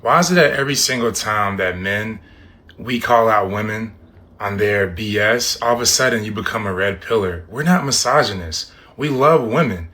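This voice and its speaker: A man's voice: on the low side, moderate pace, bright, forceful tone. A man giving confrontational social media commentary, lecturing bluntly like a dating coach and addressing the listener directly.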